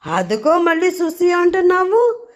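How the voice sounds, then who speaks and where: A woman's voice: mid-range voice, very animated, slow pace. A woman voicing a drunk, bossy wife who talks in thick, slurred words and scolds her husband. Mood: drunk, scolding.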